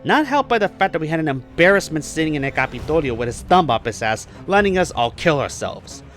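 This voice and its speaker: The man's voice sits at medium pitch with a fairly bright tone. A movie reviewer from Puerto Rico, he delivers an emphatic, opinionated, profane review that is scripted yet casual, accompanied by music.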